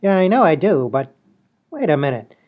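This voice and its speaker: In a comedy radio play, a man voices a brash, scheming small-time crook, his slightly high voice sing-song at a moderate pace. The audio is dull and lo-fi.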